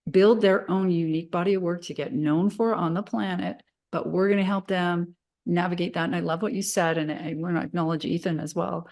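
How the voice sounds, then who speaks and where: A woman's voice: lowish voice, fairly even intonation, brisk, darkish tone. A woman hosting an interview, talking in an enthusiastic, chatty way with many fillers. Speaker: interview host. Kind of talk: casual interview talk.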